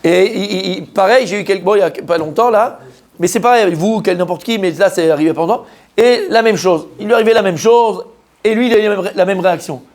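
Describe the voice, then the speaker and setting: Un rabbin qui donne un cours de Torah en français, avec un ton vivant et direct, entremêlé de mots hébreux. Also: male voice, high-pitched, brisk. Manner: animated, addresses listeners directly, mixes Hebrew terms into French. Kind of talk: Torah lesson, lively sermon.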